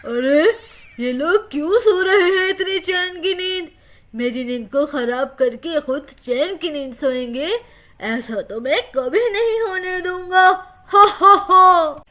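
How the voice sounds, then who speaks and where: A woman's voice: high-pitched, expressive, pitched below the performer's own voice. A woman voicing a menacing, vengeful male jinn in a doll storybook video, drawing out gloating threats. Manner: slow, gloating, drawn-out threats. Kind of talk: storybook doll-play voice acting.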